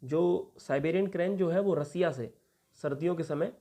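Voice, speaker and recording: A young man from India gives a vocabulary lesson for exam candidates, slowing down to spell out words and repeat definitions. His voice sits a little high and has a soft, mellow tone. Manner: patient, repeats each meaning and spells words out. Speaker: teacher.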